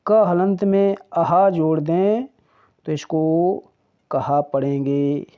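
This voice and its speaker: A teacher walks through the alphabet very slowly, drawing out each sound with care. The voice sits at a middle pitch. The recording is dull and lo-fi. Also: fairly even intonation. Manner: deliberate, drawn-out pronunciation of each sound. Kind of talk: Hindi alphabet lesson.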